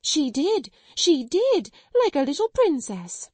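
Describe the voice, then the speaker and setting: A woman's voice: lively intonation, moderate pace, dark tone, dry recording. A woman voicing a timid middle-aged spinster schoolmistress who breaks into tearful, hysterical accusations. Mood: hysterical, accusing. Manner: tearful, pleading, shrill outbursts.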